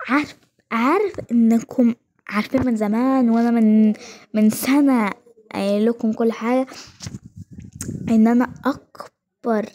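A woman's voice: a little high, steady tone, normal speed, pauses often, dark tone, close to an everyday voice. A woman voicing a proud grown man, a businessman, with an Egyptian accent who keeps repeating how happy he is. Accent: Egyptian Arabic. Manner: boastful and repetitive.

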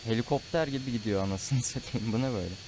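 Speaking fast at a medium pitch, with noise behind him, a man narrates a laid-back Let's Play. He talks to viewers, calls them "abi," and lets his frustration burst out regularly.

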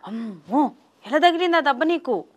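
A woman's voice: high-pitched, expressive, normal speed, background noise. A woman interviewer in playful chat with a small child, asking teasing, coaxing, sing-song questions.

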